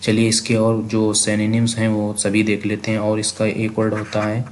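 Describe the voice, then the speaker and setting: A man's voice: on the low side, completely flat delivery, moderate pace, a little hiss or hum. An Indian man teaching English vocabulary for exams, spelling words letter by letter and repeating himself as he asks and answers his own questions. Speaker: exam prep teacher.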